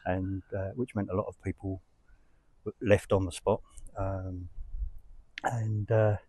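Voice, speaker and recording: A man's voice: low voice, flat delivery, takes it slowly, warm tone, breathy edge. A man talks casually, as if showing visitors round a club. His delivery is understated and hesitant, with informal phrasing. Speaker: football club representative, tour guide. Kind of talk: casual spoken tour and interview answers.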